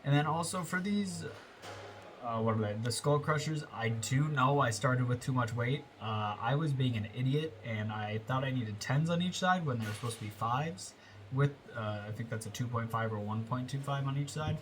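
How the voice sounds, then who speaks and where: A man's voice: mid-range voice, normal speed, slight background noise. A young American man with a congested nose, giving a rambling casual voiceover about his workout, full of fillers and self-corrections. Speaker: fitness vlogger. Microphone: close voiceover mic.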